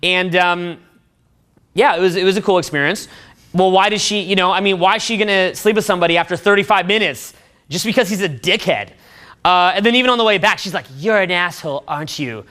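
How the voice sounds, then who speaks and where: A man with a high voice tells crude, boastful stories to a room of men. He swears freely and laughs at his own lines as he coaches them on picking up women. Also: a little fast, sharp tone. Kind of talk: profane talk to a room of men.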